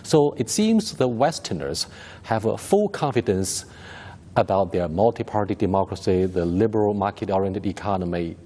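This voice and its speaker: A man with a Chinese accent putting formal, deliberate, wordy questions as an interviewer. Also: fairly low pitch, expressive, warm tone, long reverb tail. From China.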